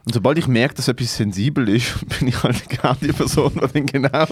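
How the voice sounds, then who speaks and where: Swiss German comedian joking on a podcast. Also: male voice, medium pitch, a little fast, a little hiss or hum. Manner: rambling, joking, swears a lot, stumbles over words. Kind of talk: casual podcast banter.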